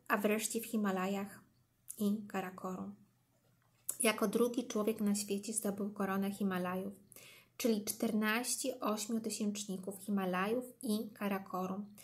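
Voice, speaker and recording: Woman reading a children's story aloud. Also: medium pitch. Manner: gently voicing each character's lines; addresses listeners warmly as "kochani". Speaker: reader of a children's book.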